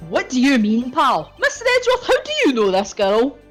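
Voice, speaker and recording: A woman's voice: high voice, wildly swooping pitch, normal speed, soft background music, full character voice. A woman doing a hammy Scottish Gumshoe. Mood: eager. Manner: hammy, eager. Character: bumbling loyal male detective, hammy.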